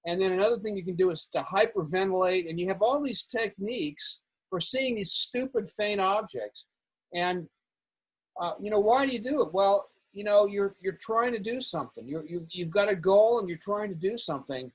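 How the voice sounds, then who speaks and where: Husky high-voiced man on a video call. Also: normal speed. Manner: rambling, repeats words as he restarts. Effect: on a video call, audio breaking up. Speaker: astronomy club board member. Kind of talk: casual chat on a live club session.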